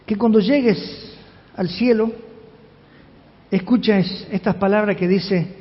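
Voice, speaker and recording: A man's voice: sits high, takes it slowly. A man, a pastor giving an expository sermon and emphatically asking the congregation questions. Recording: reverberant hall, dull lo-fi sound.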